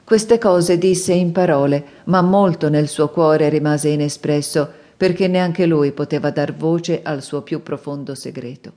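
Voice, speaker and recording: A woman narrating a poetic audiobook in a calm, measured way. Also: low voice. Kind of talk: scripted literary narration.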